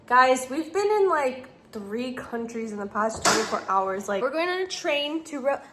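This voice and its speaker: A woman's voice: sits high, big pitch swings, moderate pace, heavy background noise. A young woman vlogging casually to camera while she travels, chatty and upbeat. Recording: loud crowd and music behind. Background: crowd chatter and music.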